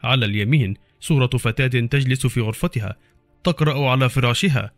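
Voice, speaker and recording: A man's voice: medium pitch, brisk, dry recording, faint music behind. A middle-aged man reading a horror story aloud as a dramatic audiobook narrator.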